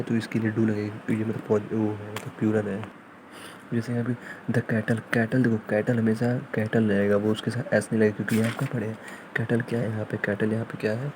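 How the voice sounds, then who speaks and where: A man teaching English grammar in a fast revision lesson, repeating points and reading English examples out slowly. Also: fairly low pitch, background noise. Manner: repetitive, drilling, reads English examples slowly.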